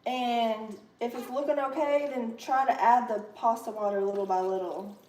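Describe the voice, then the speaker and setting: A young woman chatting casually on a kitchen livestream, full of fillers and savoring her food out loud. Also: a little high, steady tone, moderate pace, slight background noise. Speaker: livestream host. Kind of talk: casual livestream cooking chat. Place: home kitchen.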